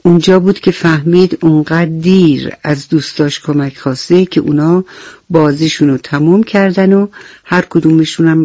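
A woman narrating a bedtime story on the radio, speaking gently and turning to the children listening. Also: low voice, no echo. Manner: gentle, addresses children directly. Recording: dull dry radio studio sound.

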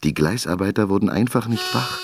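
A man narrating a children's story in an expressive, lively reading voice. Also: fairly low pitch, brisk, heavy background noise.

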